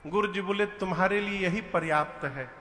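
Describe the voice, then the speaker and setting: A man's voice: high voice, moderate pace, bright, forceful tone. A male preacher giving a devotional sermon, switching between sung verses and storytelling while addressing his audience. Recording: echoey hall with music. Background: devotional music.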